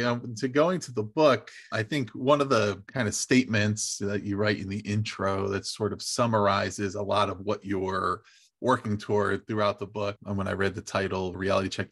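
A man's voice: on the low side, fairly bright tone, slightly rough. A man hosting an interview podcast, asking long, winding questions with frequent restarts. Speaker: podcast host.

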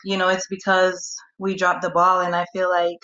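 A woman's voice: fairly low pitch, completely flat delivery, normal speed, sharp tone, muffled recording. A woman in her late twenties from Congo, calling in and speaking earnestly with lots of "like" and "um". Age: 20s. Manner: earnest, reflective, lots of fillers. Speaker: caller.

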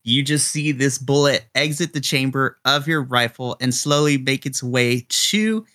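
Brief: male dungeon master, bright tone, animated, laughs a lot. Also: medium pitch, unhurried. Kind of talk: narrating a tabletop game.

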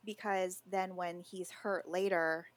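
A woman author explaining her story in a casual interview, animated and explanatory. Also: fairly low pitch, takes it slowly. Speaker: author guest.

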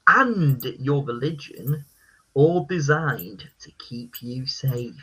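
A man hosting a casual quiz, reading out lines in a flat, deadpan voice. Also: mid-range voice, takes it slowly, breathy edge, low-quality recording. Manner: reads lyrics in a deadpan voice. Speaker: quiz host.

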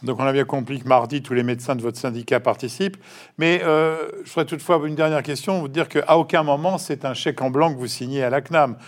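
A man who hosts an interview podcast and asks direct, brisk questions. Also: mid-range voice, steady tone. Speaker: host.

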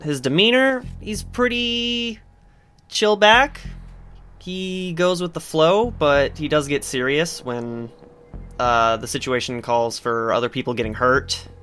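Over background music, a male tabletop RPG player talks casually about his game character. He speaks slowly in a fairly high, fairly bright voice that's clear and resonant.

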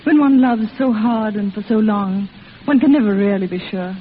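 A woman with a natural, mid-range voice at normal speed acts an eager, lovestruck young woman in a 1940s radio drama. She sounds breathless, earnest, and yearning, heard through a tinny, noisy old radio recording.

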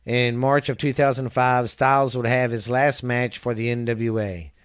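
A man with a smooth, resonant voice talks through a casual recap from his notes on a close home mic. The sound is dry with no room echo. He trips over names, fixes them and laughs at himself. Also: mid-range voice, steady tone. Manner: halting, stumbles over names and corrects himself; chuckles at his own slips. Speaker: podcast host. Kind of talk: casual wrestling history recap read from notes.

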